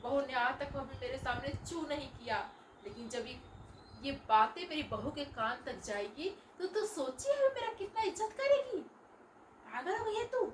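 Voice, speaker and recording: Home family drama: actress as a reproachful middle-aged mother, high-pitched, roomy distant sound. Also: lively intonation, normal speed, slight background noise. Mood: pleading, reproachful. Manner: pleading, moralizing, reproachful. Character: worried middle-aged mother scolding her married daughter.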